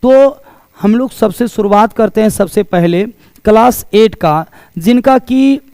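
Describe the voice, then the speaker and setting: A man giving a promotional pitch for coaching classes as a teacher, explaining things repetitively. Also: darkish tone, clean tone, no echo. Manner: explanatory, repetitive, asks questions and answers them himself.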